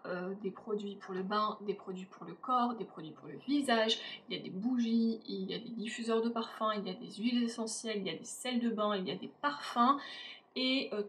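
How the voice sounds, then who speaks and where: Chatty French-speaking woman in echoey room. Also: mid-range voice. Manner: chatty, hesitant with many fillers. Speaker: beauty vlogger. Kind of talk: casual product review. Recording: echoey room, faint ambient noise.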